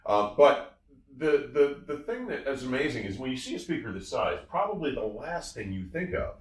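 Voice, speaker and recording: A man who reviews audio gear and hosts a show talks about products in a casual, enthusiastic way, gushing with emphasis and often repeating himself. His voice is medium in pitch and very animated, at a moderate pace. The recording sounds roomy, with the mic somewhat distant.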